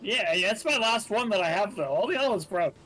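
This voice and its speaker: An eager man in a tabletop game who trips over himself repeating words. His voice is high and bright, over faint music. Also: expressive, fast, low-quality recording. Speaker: player. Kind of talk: tabletop role-play in character.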